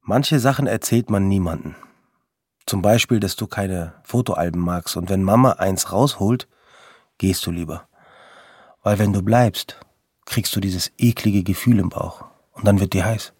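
Young man with a husky voice, telling street stories. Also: low-pitched, unhurried, a little mellow, no room sound, clean studio sound. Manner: blunt, street-slang narration with quoted outbursts. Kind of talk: storytelling monologue in vignettes.

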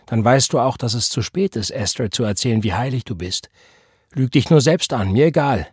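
A man's voice: mid-range voice, normal speed, slightly rough, dry recording, studio quality. A man reading the part of a bitter, defiant young pregnant woman who speaks in a cold, taunting, accusing way.

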